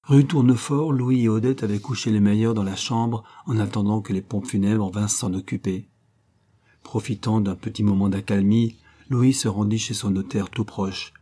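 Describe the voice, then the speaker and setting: A man reading a novel aloud as the narrator, in a steady, measured way. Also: on the low side. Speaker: audiobook narrator. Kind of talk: scripted narration.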